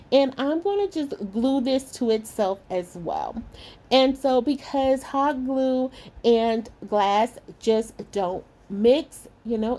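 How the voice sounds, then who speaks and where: Here a middle-aged craft channel host with a high, slightly hoarse voice chats her way through a tutorial. Warm and friendly, she keeps calling her audience lovies and y'all.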